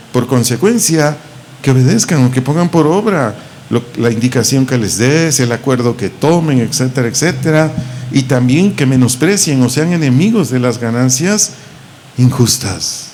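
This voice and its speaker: A man with a Mexican Spanish accent, teaching a Bible lesson as pastor, slowly repeating and spelling out words. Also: medium pitch, darkish tone, slight background noise. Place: church auditorium.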